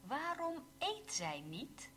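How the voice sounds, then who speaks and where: Woman reading lesson sentences real slow, voice goes way up and down, bit high. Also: huge pitch swings, a bit bright, a little hiss or hum. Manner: slow, carefully pronounced sentences. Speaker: language teacher reading examples. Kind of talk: slow read-aloud language drill.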